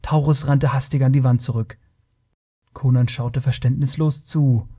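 A man narrating an adventure audiobook in a measured, even storytelling manner. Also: medium pitch, breathy edge. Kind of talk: scripted narration.

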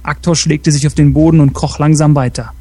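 A man reading a story aloud as co-host, steady with small slips and self-corrections. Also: fairly high pitch, a little fast, no echo.

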